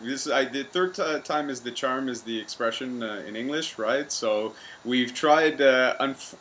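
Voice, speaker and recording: Male podcast host, mid-pitched, upbeat and friendly, light background hum. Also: a bit bright. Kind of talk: conversational interview. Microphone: video call.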